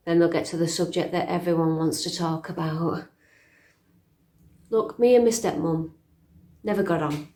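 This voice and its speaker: A woman plays a middle-aged fairytale princess reflecting on her life, speaking in a fairly low, warm voice in an echoey room. Her delivery is slow and confiding, with dry, understated wit and a weary edge, like an intimate, conversational stage monologue.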